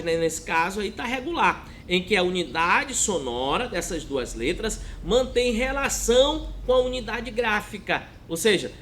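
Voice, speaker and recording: A man teaches a lesson at an unhurried pace, his high voice rising and falling a lot. He keeps asking his listeners whether they follow. A faint rumble runs under the recording. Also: a bit bright. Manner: slow, drawn-out, checks in with "né?" and "tá bom?".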